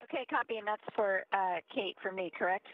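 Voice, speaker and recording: A woman's voice: medium pitch, no echo. Woman's dry, tinny voice over an orbital radio link. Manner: brisk, matter-of-fact. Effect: space-to-ground radio link, like a sci-fi communicator. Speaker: astronaut aboard the space station. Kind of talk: procedural radio calls.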